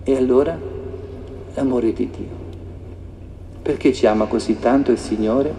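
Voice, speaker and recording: A man's voice: medium pitch, unhurried, warm tone, a little hiss or hum. Preaching man in an echoing church. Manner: impassioned, repeats rhetorical questions. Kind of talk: sermon. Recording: echoey hall reverb, faint ambience.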